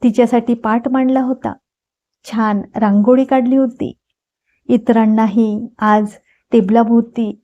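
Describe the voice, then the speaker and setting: A woman storyteller reading a novel aloud in a calm, measured way. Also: on the high side. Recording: dull lo-fi recording.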